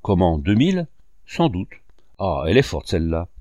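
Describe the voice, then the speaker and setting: A hot-tempered, swearing middle-aged wine salesman, his voice pitched low and recorded close and dry, as a narrator reads him. He rants in bursts of indignation. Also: big pitch swings, moderate pace, warm tone, no echo. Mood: angry. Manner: blustering, swearing outbursts.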